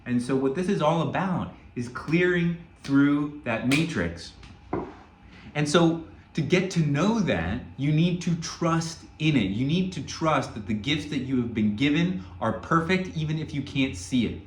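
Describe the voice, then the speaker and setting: A man's voice: a little high, animated, measured pace, echoey room, a little hiss or hum. A man coaching listeners in a spoken motivational lesson, telling a story and often checking in with "right?". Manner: earnest, storytelling, frequent "right?" check-ins. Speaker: self-help coach.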